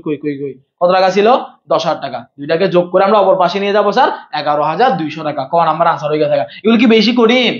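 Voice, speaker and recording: Guy teaching accounts on a live class, high voice, talks super fast, dull lo-fi stream audio. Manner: rapid-fire, repeats himself and quizzes students.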